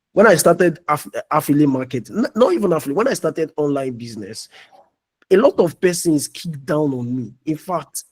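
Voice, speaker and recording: Husky young man, preachy mentor. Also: medium pitch, a little mellow. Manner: preachy, repeats "you understand?". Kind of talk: motivational talk in a live online meeting.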